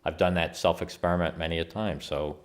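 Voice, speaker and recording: Deep-voiced man explaining calmly. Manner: measured, explanatory, with frequent restarts. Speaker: guest scientist and company founder. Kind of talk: conversational interview answers.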